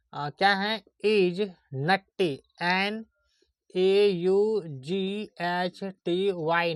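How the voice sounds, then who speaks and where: A man teaching basic English grammar in a slow, patient classroom manner, spelling words out letter by letter and often checking that students follow. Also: sits high, fairly bright tone, clear, resonant tone, dry recording, clean studio sound.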